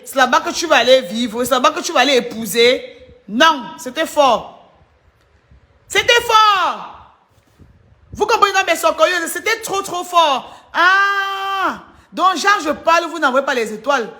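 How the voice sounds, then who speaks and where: Teasing woman with a sharp voice. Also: high voice. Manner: teasing, laughing often, chatty asides to viewers. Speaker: live streamer. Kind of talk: mocking live-stream gossip commentary.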